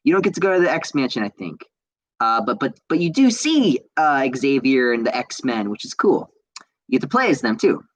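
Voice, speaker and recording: A man's voice: medium pitch, very animated, moderate pace, poor audio. A young man hosting a podcast, chatting casually and reading out viewer comments with lots of fillers and restarts. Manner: rambling, enthusiastic, frequent fillers and restarts. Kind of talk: casual chat.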